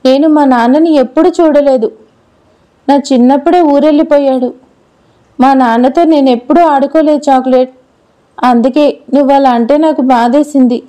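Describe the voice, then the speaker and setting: A woman's voice: sits high, fairly even intonation, moderate pace, mellow, natural voice. A woman voicing a chatty, affectionate little girl who pouts and prattles in a storybook reading. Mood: sad. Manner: pouting, childlike chatter.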